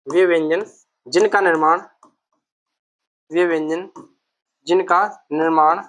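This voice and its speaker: A male teacher giving a classroom lecture. He dictates notes at a slow pace and repeats each phrase so students can write it down. He keeps asking the class questions and then answers them himself. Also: fairly high pitch. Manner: dictates slowly, repeating words for students to note down.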